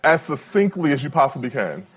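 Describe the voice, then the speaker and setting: A man's voice: mid-range voice, sing-song, fairly quick, a bit bright, slightly rough. A man moderating a live discussion, loose and chatty with lots of fillers. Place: event room with a live audience.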